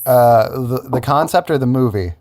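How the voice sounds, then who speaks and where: A man's voice: mid-range voice, normal speed, darkish tone. A man hosting a comedy podcast, improvising chat and mock interviews with a mock-sincere, hesitant delivery.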